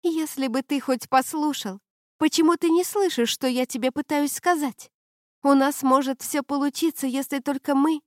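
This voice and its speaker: A woman reading an audiobook, voicing a distraught young woman friend who shouts in a high, strained voice. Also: normal speed, no echo, studio quality, lightly acted. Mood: pleading.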